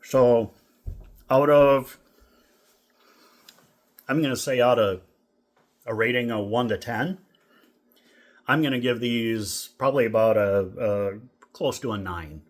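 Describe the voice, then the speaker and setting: A middle-aged man from Minnesota casually reviewing food in a relaxed, rambling vlog with lots of fillers. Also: medium pitch, slow pace, long pauses. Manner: rambling, easygoing, with many fillers. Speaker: vlogger.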